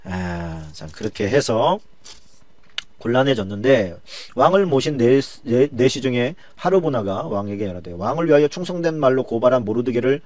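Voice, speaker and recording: A male pastor teaching a Bible study lesson with colloquial, animated storytelling. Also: mid-range voice, moderate pace, no room sound.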